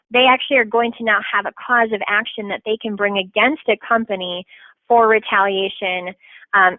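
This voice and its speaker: Brief: woman attorney hosting a webinar, chatty and quick, tinny phone-like line, dry sound. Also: medium pitch, no room sound. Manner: chatty, quick, self-deprecating, frequent ums. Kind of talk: webinar presentation.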